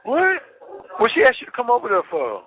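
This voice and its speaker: A man's voice: very high-pitched, wildly swooping pitch, fairly quick. A man calling family from a jail payphone, chatting casually and laughing between lines. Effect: heard over a jail payphone line. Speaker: inmate caller. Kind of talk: casual phone chat with family. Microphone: payphone handset. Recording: tinny phone line.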